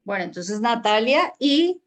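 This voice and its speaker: A woman's voice: fairly high pitch, big pitch swings, measured pace. Colombian woman teaching an online workshop. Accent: Colombian Spanish. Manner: conversational, encouraging, many fillers. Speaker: public speaking workshop instructor. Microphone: video call.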